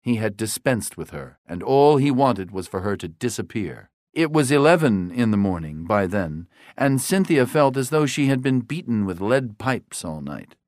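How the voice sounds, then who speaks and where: A man reading a dramatic story aloud as narrator, with a measured delivery that drops low on dialogue tags. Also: big pitch swings, darkish tone, no echo, clean studio sound.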